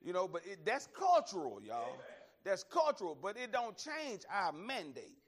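A man's voice: high-pitched, huge pitch swings, moderate pace, husky. A man from Alabama, preaching and teaching in a folksy, emphatic, conversational way, repeating phrases for weight. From Alabama, American South. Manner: folksy, emphatic, repeats phrases, often addresses listeners as y'all. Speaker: preacher leading a Bible study. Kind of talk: conversational sermon and Bible teaching.

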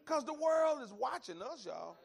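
Here the Southern preacher from Alabama speaks at normal speed in a very high, sing-song voice with vocal fry. Leading his Bible study, he mixes sermon and teaching in a folksy, conversational way, emphatic and repetitive, addressing everyone as y'all.

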